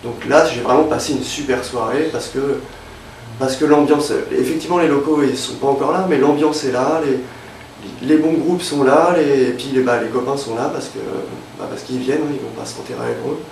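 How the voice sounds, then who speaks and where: Recorded off-mic in a roomy space with faint ambience and a bit of background noise, this young man from Évreux, Normandy, is being interviewed about his work as a freelance illustrator. He talks casually at a normal speed, his mid-range voice creaky and a little mellow. His speech is hesitant, full of fillers and false starts.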